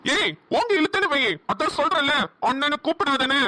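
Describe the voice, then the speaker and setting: A woman's voice: a little high, a bit bright, no room sound, lightly acted. A woman voicing a brash, hot-tempered young guy. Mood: angry shouting. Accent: Namakkal Tamil.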